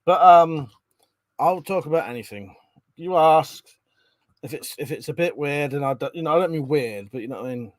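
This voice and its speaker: This live stream host has a fairly high voice with lively intonation and a moderate pace, captured in a dry recording. Stuffed up with a cold, he coughs occasionally while rambling through viewer comments, chatting, saying um and restarting often.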